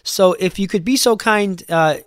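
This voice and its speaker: A congested man with a high voice hosts his sports podcast from a close mic in a very dry room. He talks loosely, with plenty of fillers and restarts. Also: moderate pace, clear, resonant tone, no echo. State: congested, under the weather. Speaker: podcast host. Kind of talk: casual podcast talk.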